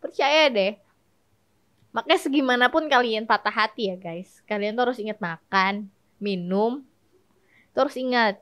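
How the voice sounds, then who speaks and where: A woman's voice: fairly high pitch, measured pace, pauses often, a bit bright. A young woman hosting a casual comedic advice talk, chatty and playful, laughing often as she tells stories. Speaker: host.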